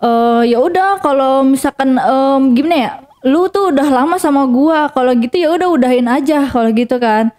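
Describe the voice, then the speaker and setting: A woman's voice: high voice, normal speed, darkish tone. A young woman telling a personal story casually to an interviewer, rambling with many fillers and restarts.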